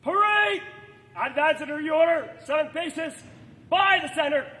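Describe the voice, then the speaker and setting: A man as parade commander, barking long drawn-out drill orders at a military ceremony. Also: very high-pitched, bright, forceful tone. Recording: echoey parade ground from far off.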